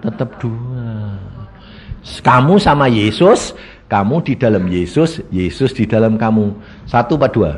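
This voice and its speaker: A man's voice: mid-range voice, animated, unhurried. A man preaching a sermon to a congregation, quizzing them with short questions. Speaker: evangelist preacher.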